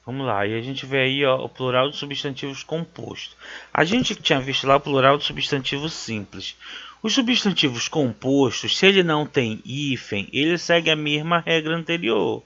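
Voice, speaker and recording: A man's voice: medium pitch, expressive, moderate pace, vocal fry, pushed and bright. A man from Brazil teaching a grammar lesson for an exam, emphatic and checking in with "certo?" as he repeats key words. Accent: Brazilian Portuguese. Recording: dull lo-fi sound.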